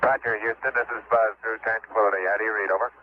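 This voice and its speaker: A man's voice: on the low side, flat delivery, quick pace. A man speaking as an astronaut in clipped radio procedure, his transmission fading in through static. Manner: clipped, ends turns with "over". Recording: muffled archival radio link.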